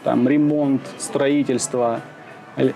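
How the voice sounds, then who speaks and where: A man from Siberia being interviewed outdoors in the shade, answering slowly with many pauses, fillers and restarts. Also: mid-range voice, steady tone, gravelly, music in the background. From Russia (Siberia). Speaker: interviewee, expat businessman. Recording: outdoor crowd noise behind.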